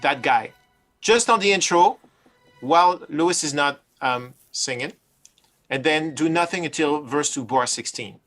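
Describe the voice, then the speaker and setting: A man's voice: fairly high pitch, expressive, a little slow, a bit bright, faint music behind. A man talking casually as a producer in a studio session, explaining his ideas in a hesitant, circling way. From Brooklyn. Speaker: music producer directing a session. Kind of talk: casual collaborative studio talk.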